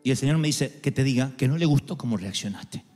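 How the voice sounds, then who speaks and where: A man preaching a sermon to an audience, animated, acting out the voices of God and of people, and talking straight to the crowd. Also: mid-range voice, quick pace. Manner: addresses audience directly. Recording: long hall reverb with faint music.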